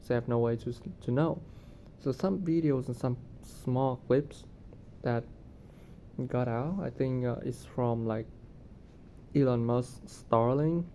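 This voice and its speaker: Halting man, slightly mellow, over rumbling noise. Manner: hesitant, halting, searching for words. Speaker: vlogger giving commentary. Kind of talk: casual unscripted commentary on current events. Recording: noticeable low rumbling background noise.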